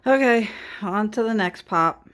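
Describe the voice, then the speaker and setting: A woman's voice: mid-range voice, expressive, measured pace, fairly bright tone. Playful woman teasing, casual chat, voice goes up and down a lot. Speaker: off-camera adult helper in a child's unboxing video.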